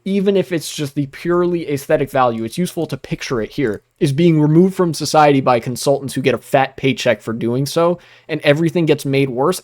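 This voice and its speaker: A man's voice: fairly high pitch, darkish tone. A young man hosting a casual livestream, reacting to what he reads on screen in a rambling, profane way, with many fillers and bursts of laughter. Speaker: livestream host.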